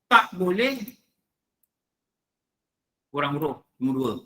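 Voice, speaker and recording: Male religious teacher, forceful bright delivery, drills and quizzes. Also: on the high side, very animated, slow. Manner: drilling, quizzing listeners with rhetorical questions; emphatic, repeats rules in short clipped phrases. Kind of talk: mosque lecture on prayer recitation. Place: prayer hall.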